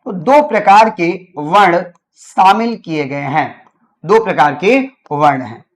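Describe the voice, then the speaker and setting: A man's voice: fairly high pitch, animated. A male teacher giving an online grammar lesson. He asks the class questions, answers them himself, and repeats key phrases. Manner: slows down to dictate notes.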